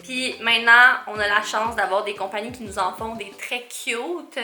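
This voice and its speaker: Gushing high-voiced Québécois woman. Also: moderate pace. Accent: Québécois French. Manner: gushing, excitable, exclamatory. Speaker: vlogger. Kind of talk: unboxing chat to camera. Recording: roomy echo with faint music.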